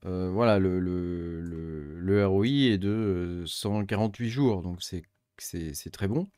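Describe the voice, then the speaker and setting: A man's voice: low-pitched, a little slow, mellow, clean tone, no room sound, clean studio sound. A man casually explaining graphics cards for crypto mining over a screen share, hesitant, with many fillers and restarts. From Europe.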